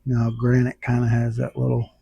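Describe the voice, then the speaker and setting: A man with a gravelly, very dark voice talks to himself while he airbrushes in a home workshop. He mutters and thinks aloud, fighting off the hiccups, and his husky tone sits close and dry on a tablet camera. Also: mid-range voice, completely flat delivery, a little fast, dry recording. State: has the hiccups. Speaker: airbrush artist. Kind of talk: casual talk while working. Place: home workshop under overhead lights.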